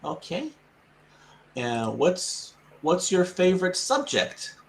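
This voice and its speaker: Male English tutor, unhurried and animated in pitch, patient, repeats answers back, light chuckles. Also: vocal fry, slight background noise. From United States. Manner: chuckles often. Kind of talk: casual conversation practice.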